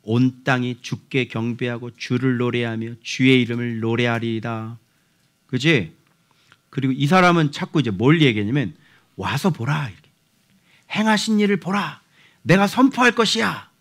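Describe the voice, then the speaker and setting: A male pastor in his forties giving an expository sermon in a church, animated and acting out voices with shouts. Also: mid-range voice, normal speed.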